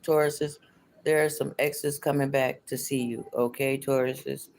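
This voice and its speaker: A woman's voice: a bass voice, fairly even intonation, measured pace, darkish tone. A middle-aged or older woman with toothless, slightly slushy articulation, chatting casually as she reads tarot on a livestream and repeating her phrases. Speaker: tarot card reader.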